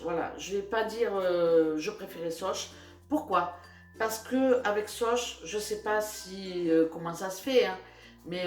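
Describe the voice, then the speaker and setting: Chatty older woman, roomy sound. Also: mid-range voice. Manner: chatty, many fillers and hesitations. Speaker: vlogger. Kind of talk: casual chat about her budget. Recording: roomy, from a distance, faint music.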